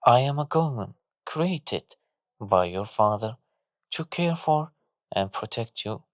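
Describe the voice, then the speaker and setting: Sex: man. Figure: a man doing a kind mechanical golem guardian from a storybook tale. Quality: gentle, resonant. Pace: slow. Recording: dry. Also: medium pitch, animated, no echo. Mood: tender.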